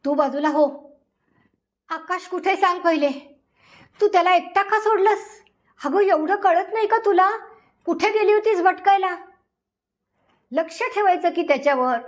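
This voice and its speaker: Woman narrator playing a panicked father in a spoken horror tale, pleading and scolding in a raised, high voice. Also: slow pace. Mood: angry scolding. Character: frantic middle-aged father, panicked and angry.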